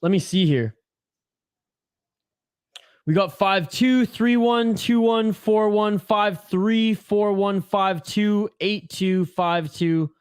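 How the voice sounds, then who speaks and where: In a dry, studio-quality recording, a young Canadian man hosts a live hockey watch-along with a smooth voice that sits high and moves slowly. He chats casually, reads viewer comments aloud, and swears freely in this laid-back stream talk.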